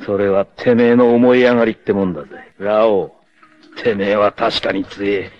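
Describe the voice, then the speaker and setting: A male actor playing a battered, defiant free-spirited warrior in a 1980s anime, cocky, rough-spoken and theatrical, with a gravelly, strained voice. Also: on the low side, steady tone, moderate pace, lo-fi sound, soft background music, natural voice. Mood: cool defiance. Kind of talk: dramatic 1980s anime acting. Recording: noisy old anime soundtrack clips.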